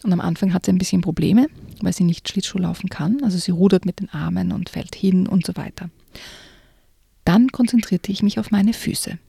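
A woman reading a children's book excerpt aloud in a hushed, often whispered way, then chatting about it. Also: fairly low pitch, moderate pace, creaky, husky, no echo, clean studio sound. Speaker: reader and co-host.

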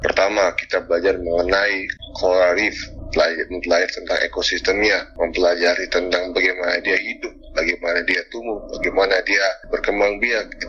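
A man's voice: deep voice, fairly bright tone, muffled recording, a little hiss or hum. A young man from Papua, a graduate student, chatting earnestly in a casual interview and mixing in English words. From Papua, Indonesia. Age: young adult.

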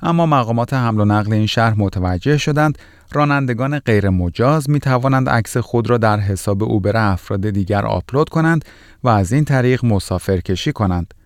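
A man's voice: fairly low pitch, clean tone, dry recording, studio quality. A man presenting scripted news items as a podcast news reader.

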